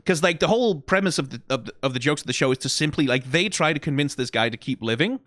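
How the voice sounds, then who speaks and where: In a dry recording, a man hosting a reaction video speaks fast in an animated, somewhat bright voice on the high side. His casual critical commentary meanders analytically, leaning on "like" and "right?" with a wry, profane streak.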